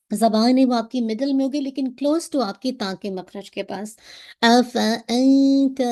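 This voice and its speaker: A woman teaching Quran recitation on a video call, explaining each sound patiently and modelling words slowly. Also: on the high side, dark tone. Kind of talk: online tajweed class.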